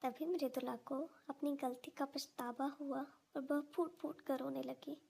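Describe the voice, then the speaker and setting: Brief: woman storyteller, calm narration for a short video. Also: sits high, measured pace, vocal fry.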